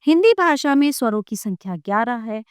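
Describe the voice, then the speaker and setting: Smooth-voiced woman teaching children. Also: on the high side, expressive, dry recording, clean studio sound. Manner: spells out sounds slowly one by one; addresses children warmly and directly. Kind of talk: classroom grammar lesson.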